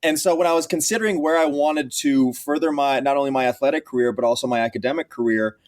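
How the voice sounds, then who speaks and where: A man's voice: mid-range voice, fairly even intonation, fast talker. A young man in his twenties from Texas, a college athlete who is the guest on a podcast interview and tells his story earnestly, with frequent restarts. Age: 20s.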